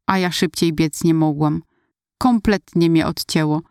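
Woman reading a first-person story, steady and reflective, kinda low voice, dry close mic. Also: unhurried, smooth, no room sound. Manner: steady, inward-looking retelling. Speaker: narrator.

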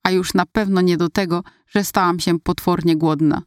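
A woman narrating a first-person story in a calm, confiding way. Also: on the low side, normal speed, no echo, studio quality. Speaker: audiobook narrator.

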